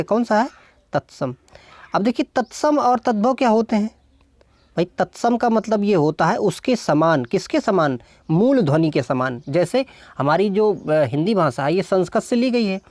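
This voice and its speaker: A woman's voice: mid-range voice, darkish tone, dry recording. Woman tutor, questions and answers herself. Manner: explains step by step, asking and answering her own questions; often adds "thik hai" and "dekhiye". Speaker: Hindi exam tutor. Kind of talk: exam solution lesson.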